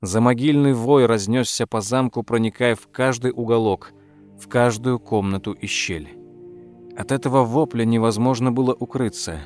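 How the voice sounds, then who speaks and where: A man narrating a dark fantasy audiobook in a measured, expressive way. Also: medium pitch, soft background music. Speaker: audiobook reader.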